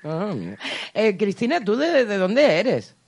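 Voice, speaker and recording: A woman's voice: medium pitch, wildly swooping pitch, unhurried, vocal fry, darkish tone, husky. Woman hosting a radio chat, medium voice, curious chatty questions. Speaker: radio host. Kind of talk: casual radio interview.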